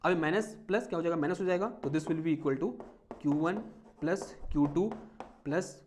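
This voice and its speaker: A man's voice: on the high side, a little hiss or hum. Male physics teacher quizzing his class. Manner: asks the class questions and answers them himself; dictates headings slowly, mixing in English terms. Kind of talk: classroom lecture with live demonstration.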